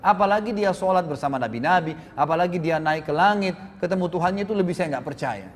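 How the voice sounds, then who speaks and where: A man preacher voicing a scoffing male pagan chieftain of Mecca, mocking and disbelieving, a little higher than his own voice. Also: expressive, fast. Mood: scornful. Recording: echoey mosque hall, faint background noise.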